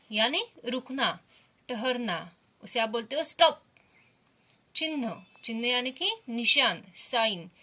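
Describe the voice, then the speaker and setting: A woman's voice: on the high side, pushed and bright. A woman teaching a Hindi grammar lesson to children, explaining step by step and asking the class questions.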